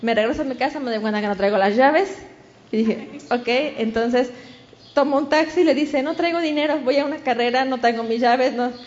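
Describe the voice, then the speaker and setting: A woman's voice: sits high, brisk, a little mellow, dull audio. A woman with a Mexican accent preaching a sermon, telling a story and acting out the voices of the people in it.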